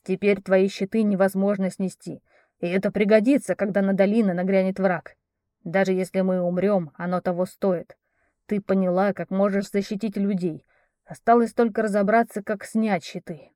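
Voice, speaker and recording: A woman voicing a calm, commanding young prince. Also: mid-range voice, moderate pace, dry recording, studio quality, close to an everyday voice. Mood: firm calm. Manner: firm, calming, instructing. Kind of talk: audiobook character voicing.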